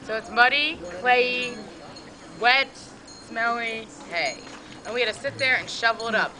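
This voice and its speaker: A woman with a hoarse voice telling a rambling, profane camping story to friends, acting out the people she quotes. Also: a little high, a little slow, background noise. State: hoarse, says she has no voice. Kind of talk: casual storytelling among friends. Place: outdoors at a campsite.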